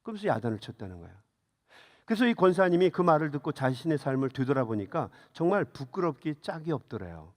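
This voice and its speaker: A man's voice: a little high, sing-song, fast. A middle-aged man preaching a sermon as a pastor, telling a story and then urging his congregation with fervor. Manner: storytelling, rising to fervent exhortation. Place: church sanctuary. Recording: reverberant church hall.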